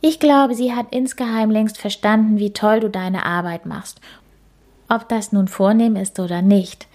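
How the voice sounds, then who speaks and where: A woman's voice: medium pitch, fairly even intonation, unhurried, a little mellow, pitched above the performer's own voice, natural voice. A woman voicing a sad, tired female ghost who speaks politely but in a whiny, plaintive tone, in a storybook reading.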